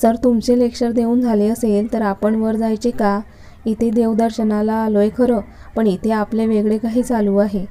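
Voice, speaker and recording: A woman's voice: fairly high pitch, flat delivery, normal speed, dark tone, natural voice. A woman reading the part of a playful young female student in a story, speaking in a teasing, cheeky way.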